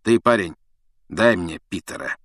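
A man voicing a grim male fugitive with a hoarse, rasping voice. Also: sits low, a little slow, no echo, studio quality.

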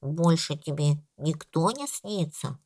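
A woman voicing a gentle, polite baby elephant who speaks slowly and softly. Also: sits low, animated, exaggerated voice.

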